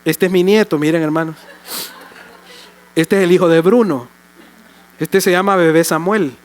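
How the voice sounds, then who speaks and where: An older man preaching a sermon as pastor in a church, fervent at times and soft and tender at others. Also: sits high, normal speed.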